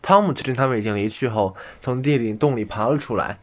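A man's voice: medium pitch, quick pace. Man reading a fairy tale. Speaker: audiobook reader.

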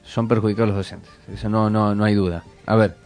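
A man's voice: on the low side, steady tone, quick pace, a little mellow. A man with a Rioplatense Argentine accent hosting radio commentary, emphatic, asking rhetorical questions and repeating phrases. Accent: Rioplatense Argentine Spanish. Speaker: radio host.

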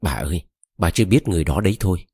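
A man's voice: deep voice, animated, rapid-fire, dark tone, slightly rough, no room sound, full character voice. A man voicing a desperate, lovesick young woman who pleads tearfully, read close to a dry mic. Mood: pleading.

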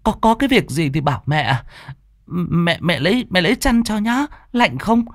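A man's voice: high voice, very animated, normal speed, no room sound, studio quality, pitched above the performer's own voice. A man voicing an anxious, doting mother who fusses and stammers. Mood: worried. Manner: stammering, fussing.

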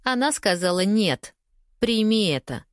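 A woman reading an audiobook, voicing a blunt, protective young woman friend who shouts sharp, scornful lines. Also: mid-range voice, animated, measured pace, no room sound, studio quality, pitched above the performer's own voice, close to an everyday voice. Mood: fierce.

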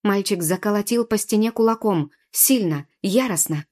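A woman reading a children's adventure story aloud in an expressive, dramatic narration. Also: medium pitch, normal speed. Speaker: audiobook narrator.

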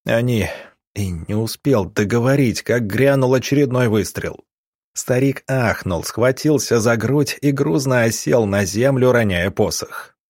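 A man reading an audiobook in a measured, steady storytelling voice, recorded on a close studio mic. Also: medium pitch, no echo. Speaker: audiobook narrator. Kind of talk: scripted narration.

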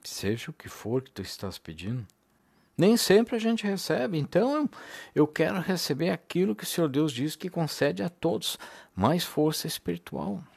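A man's voice: a little high, big pitch swings, normal speed, creaky, a little mellow, husky, no echo. A male preacher giving a sermon in a conversational way, speaking directly to the congregation as brothers.

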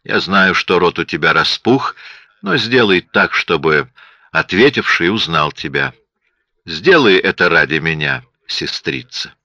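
A man's voice: low voice, animated, unhurried, no room sound, full character voice. A man reading a cold menacing killer. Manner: quiet, threatening. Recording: dull lo-fi audio.

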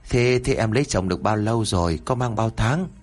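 A man voicing a cruel, lecherous old village chief who bosses people around in a husky voice. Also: lowish voice, expressive, fairly quick, darkish tone. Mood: wheedling. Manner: bossy, barking orders, then oily and coaxing.

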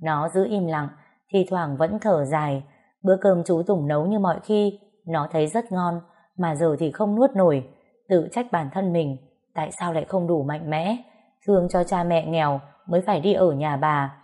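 A woman narrating an audiobook story in a calm, even reading voice. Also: fairly low pitch, moderate pace.

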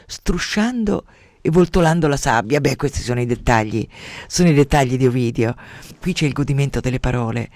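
A man's voice: on the high side, darkish tone, no echo, clean studio sound. A man on the radio retelling a classical myth dramatically, breaking in with wry asides. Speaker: radio storyteller. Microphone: studio mic.

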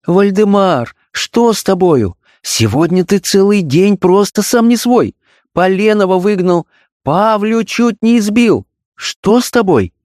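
A man voicing a theatrical, fussy young society wife in a spoken story, with a shrill, wheedling, put-on alarm. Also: expressive, unhurried, a little mellow, long reverb tail.

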